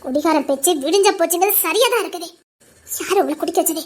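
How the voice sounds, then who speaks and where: Woman doing a very high-voiced anxious young wife. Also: quick pace. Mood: scolding. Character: young wife and assistant, anxious but firm.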